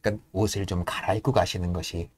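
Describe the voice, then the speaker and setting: A cautious ship officer murmurs deferential warnings in a low, quiet voice, as a man acts him. He is careful and polite. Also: steady tone, fast talker, no echo, clean studio sound. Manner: deferential, hushed.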